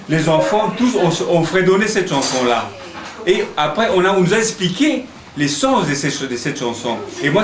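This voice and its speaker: Man, 50s, teacher, higher voice, questioning, laughs often, crowd of children. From Congo. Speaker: singing-school teacher. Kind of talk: classroom talk with children. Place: indoor classroom with children. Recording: echoey room with children's crowd noise.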